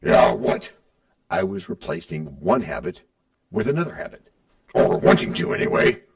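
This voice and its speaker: A man's voice: deep voice, very animated, normal speed, creaky. A middle-aged man hosting a podcast, playfully bantering with himself in a scripted back-and-forth, recorded on a distant mic. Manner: playful, switching between his own voice and a sidekick. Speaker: podcast host.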